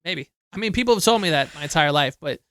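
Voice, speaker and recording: A man in his thirties, co-hosting a podcast in casual chat, telling stories quickly and animatedly. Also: fairly high pitch, animated, a bit bright. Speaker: podcast co-host.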